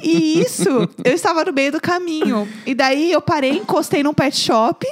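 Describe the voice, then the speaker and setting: A woman's voice: high-pitched, moderate pace. A young woman co-hosting a podcast, animatedly telling a story about her own mishap and laughing at herself. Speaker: podcast co-host. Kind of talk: casual storytelling chat.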